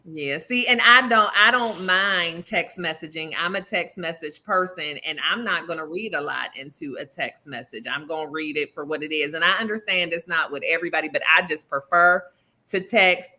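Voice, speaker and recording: A lively woman leads a casual relationship chat, speaking emphatically and laughing often. Her voice sits fairly low for a woman but comes across bright and forceful, with features. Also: normal speed. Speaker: podcast host.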